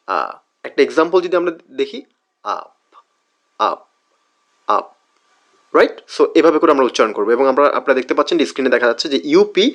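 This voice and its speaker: A man teaching English pronunciation in a screen-share lesson, patiently explaining and repeating each sound and word several times for learners. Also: on the high side. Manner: explanatory, asks and answers its own questions.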